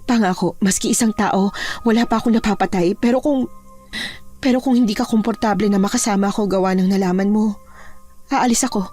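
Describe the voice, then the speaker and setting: A woman's voice: a little high, dark tone, lightly acted. A woman voicing a young female aswang who earnestly insists she means no harm.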